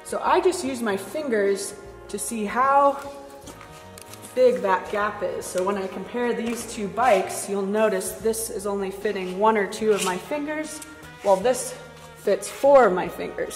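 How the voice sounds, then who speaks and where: A young woman giving a plain-spoken, instructional walk-through tour, her voice carrying an empty warehouse echo. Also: mid-range voice. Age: young adult. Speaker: bike shop tour guide. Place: large indoor warehouse. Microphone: clip-on chest mic. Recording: roomy empty warehouse echo, long reverb.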